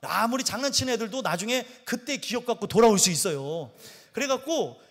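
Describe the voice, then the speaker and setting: A man's voice: very high voice, animated, brisk, fairly bright tone, in a large hall. A male pastor telling a humorous story in a sermon and acting out the people in it. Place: church sanctuary.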